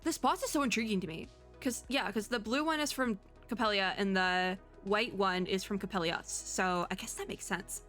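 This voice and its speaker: Over background music, a young woman streams her reactions to game previews, chatting casually with plenty of slang and wandering thoughts. Her voice is mid-range and fairly bright, delivered at a moderate pace.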